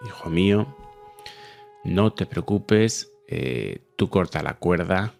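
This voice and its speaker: A man voicing God as a calm, fatherly figure who soothes a frightened climber in a joke, speaking slowly and reassuringly. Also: sits low, vocal fry, soft background music, full character voice. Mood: soothing.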